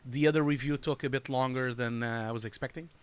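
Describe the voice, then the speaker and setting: A man's voice: mid-range voice, steady tone, fast talker, clear, resonant tone. A man hosting a live stream, chatting casually and rambling, laughing often. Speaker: host reviewing showreels. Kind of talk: casual livestream chat.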